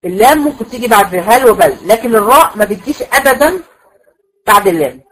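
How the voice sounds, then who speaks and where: A woman's voice: a little high, lively intonation, fast, husky, rough recording. A woman with an Egyptian accent teaching Quran recitation rules in a classroom lecture, patiently repeating points and checking that students follow. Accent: Egyptian Arabic.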